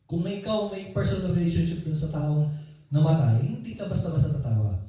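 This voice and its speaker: A man with a high, mellow voice preaches a sermon, telling it like a personal story as he talks to the congregation. He is recorded from a distance in a very echoey church hall. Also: lively intonation, a little fast.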